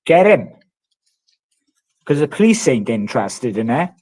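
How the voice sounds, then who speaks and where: A man's voice: mid-range voice, very animated, a little slow, darkish tone, dry recording. A man with a Welsh Valleys accent rants casually on a livestream, combative, boastful and swearing freely. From South Wales Valleys. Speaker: live streamer. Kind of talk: ranting casual livestream talk.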